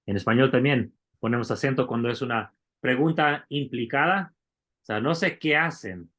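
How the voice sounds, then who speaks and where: A man's voice: medium pitch, normal speed, fairly bright tone. A man teaching a Bible Greek class, explaining step by step and asking the students questions. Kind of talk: classroom lecture.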